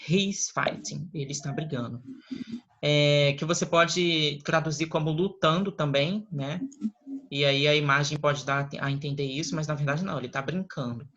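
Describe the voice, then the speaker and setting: A man, an English teacher giving a recorded class, who explains patiently step by step and keeps checking in with quick question tags. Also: a little high, a bit bright. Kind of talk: recorded online class lesson. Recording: slightly dull lo-fi recording.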